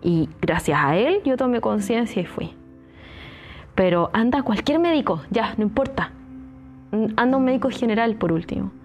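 Hosting her podcast, a Chilean-accented woman who is a psychologist talks in a casual, earnest way, repeating her advice to press listeners to act on it. She has a medium pitch and a darkish tone.

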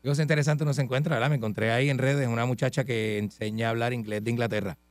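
A man's voice: medium pitch, fairly even intonation, racing, dry recording. A man as the sidekick on a talk radio show, deferential and easygoing as he argues with his boss. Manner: deferential, says "patrón", laughs a lot. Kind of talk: comedic talk radio banter.

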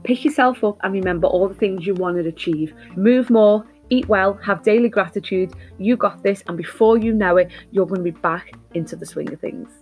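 A woman's voice: mid-range voice, fairly quick, few pauses, darkish tone. Upbeat woman giving tidy advice over music. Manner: upbeat, encouraging, tidy numbered tips. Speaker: podcast host. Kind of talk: advice monologue to listeners.

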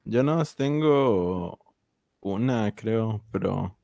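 A man's voice: lowish voice, expressive, slow, vocal fry, mellow. A man with a Mexican accent, listening in a casual chat, laughing often and giving short reactions. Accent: Mexican Spanish.

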